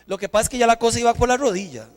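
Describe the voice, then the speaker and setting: High-voiced pastor telling a story. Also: male voice, very fast, big-room sound. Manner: animated, acts out dialogue. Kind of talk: sermon storytelling. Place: church sanctuary.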